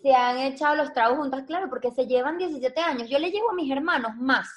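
A woman, chatting casually with friends and telling animated stories. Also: sits high, fast talker. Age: 20s. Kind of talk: casual chat among friends.

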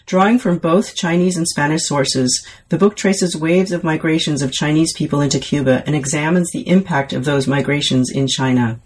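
A woman hosting an academic podcast interview, asking measured, thoughtful questions. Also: low-pitched, slight background noise, low-quality recording. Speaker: podcast host.

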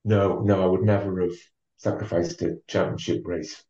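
A low-voiced man tells a long story at an easy pace as an interview guest, stopping often on ums and restarts. His voice sounds mellow and a little distant. The recording is dull and roomy. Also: flat delivery. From North East England. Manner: measured, with many ums and restarts. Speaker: interview guest, former marathon runner. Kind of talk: relaxed storytelling.

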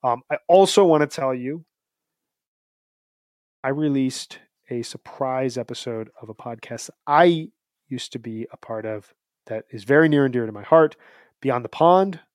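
A man's voice: mid-range voice, measured pace, a little mellow, no room sound, studio quality. A man in his thirties co-hosting a podcast, chatting in an upbeat, rambling, jokey way. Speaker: podcast co-host. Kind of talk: casual podcast chat.

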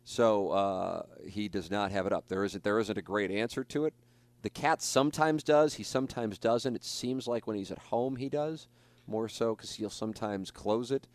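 A man with a lowish voice hosts a talk show, rambling through his thoughts with plenty of restarts and fillers. He is recorded close and dry, with no room sound. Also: moderate pace, a little mellow, no room sound. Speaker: radio show host. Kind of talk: casual talk show chat.

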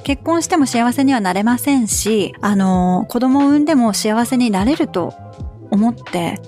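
A woman's voice: on the high side, animated, normal speed, darkish tone, faint music behind. A woman hosting a casual advice podcast, frank and blunt, also coaching English pronunciation. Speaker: podcast host.

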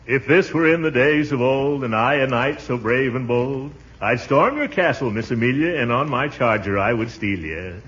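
An actor playing a pompous, sentimental middle-aged uncle in a blustering, theatrical 1940s radio comedy style. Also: male voice, mid-range voice, expressive, moderate pace, few pauses, fairly bright tone, lightly acted. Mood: self-satisfied. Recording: muffled, noisy vintage radio recording.

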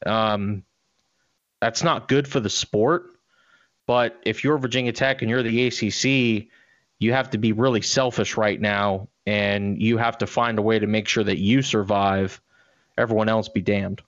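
Podcast co-host, man, 30s, blunt and opinionated, slightly low voice, dry muffled recording. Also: fairly even intonation, unhurried, dry recording. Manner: opinionated, blunt, restarts a lot. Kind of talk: casual sports talk.

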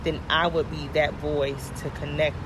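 A woman's voice: sits low, level tone, normal speed. Woman podcast host recording over traffic noise. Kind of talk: casual, conversational podcast talk. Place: outdoors on location, traffic behind. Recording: outdoor location with clear traffic noise.

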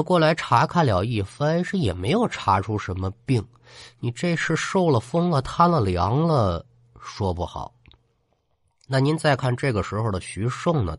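A man telling a ghost folk tale in an animated, colloquial way, speaking straight to the listener. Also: medium pitch, husky, no room sound, studio quality. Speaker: storyteller. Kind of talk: spoken folk-tale storytelling for a ghost-story podcast.

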